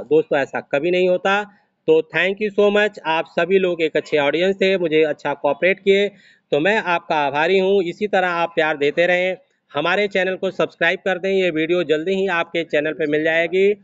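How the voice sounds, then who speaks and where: A man's voice: a little high, clear, resonant tone, dry recording. A man giving a preachy motivational speech to an audience, repeating phrases for emphasis. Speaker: motivational speaker. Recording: dry, dull lo-fi sound.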